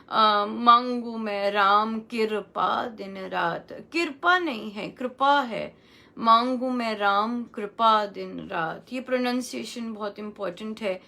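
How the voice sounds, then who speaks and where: A middle-aged woman giving a devotional talk on pronouncing chants, repeating each word slowly and mixing English words into her Hindi. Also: on the high side, sharp tone. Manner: slow, repeats words carefully for pronunciation. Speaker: satsang speaker. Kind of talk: devotional teaching on chanting pronunciation.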